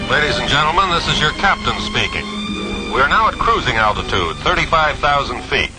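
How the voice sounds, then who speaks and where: Casting: a steady jet captain giving a cabin announcement, measured and formal, music behind. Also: male voice, fairly high pitch, poor audio. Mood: calm. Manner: calm, measured, formal address to passengers. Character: composed male jet airliner captain. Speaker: airline captain. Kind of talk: cabin announcement over the intercom.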